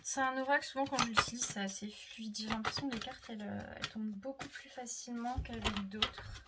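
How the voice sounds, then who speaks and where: A woman giving a casual tarot reading, thinking aloud with many fillers and soft murmurs to herself as she draws cards. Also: fairly high pitch, steady tone, brisk, noisy background. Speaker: tarot reader.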